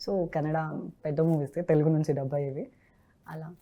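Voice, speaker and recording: Low, mellow-voiced Telugu woman dubbing artist. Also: normal speed, dull audio. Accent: Telugu, Hyderabad. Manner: relaxed, bursts into lively character voices when imitating film dialogue. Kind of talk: casual interview chat.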